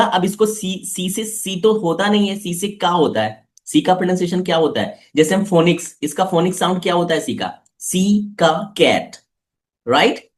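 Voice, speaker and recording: A man teaching a live online class for children, coaxing them with repeated questions. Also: sits high.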